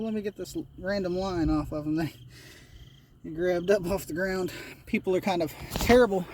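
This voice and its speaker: A man chatting casually while night fishing on a riverbank, excitable, swearing a lot and laughing often. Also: high-pitched. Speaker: angler filming his night fishing. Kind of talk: casual fishing vlog chat.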